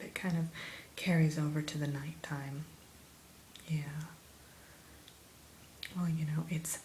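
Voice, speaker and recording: A woman in a whispered role-play as an attentive spa consultant, gently talking a client through questions and advice like a spa receptionist. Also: low-pitched, poor audio. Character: soothing, attentive female spa sleep consultant. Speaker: ASMR performer playing a spa sleep consultant. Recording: close whisper with background hiss.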